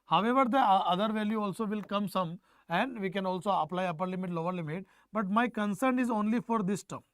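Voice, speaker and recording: A man's voice: sits high, fast talker, fairly bright tone, dry recording. A man with a North Indian accent delivers an exam-prep lecture. He restates phrases for emphasis and keeps putting questions to his students. The sound is dry, with very little room in it. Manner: mixes Hindi phrases into English. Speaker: teacher.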